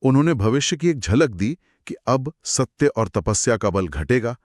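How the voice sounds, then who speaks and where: A man co-hosting a conversational retelling of scripture, narrating with expressive, dramatic pauses. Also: mid-range voice, no room sound, studio quality. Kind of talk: conversational storytelling discussion.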